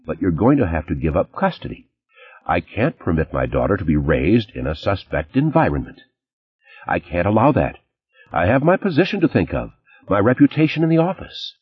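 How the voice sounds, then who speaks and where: A man reading an audiobook, voicing a sharp, image-conscious ex-wife who scolds in a clipped, indignant way. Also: low-pitched, sing-song, normal speed, breathy edge, muffled recording, full character voice. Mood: stern.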